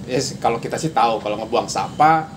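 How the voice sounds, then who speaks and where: A man's voice: mid-range voice, fast talker, noisy background. A man hosting a podcast, asking probing follow-up questions in a casual chat. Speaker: podcast host. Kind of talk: casual interview.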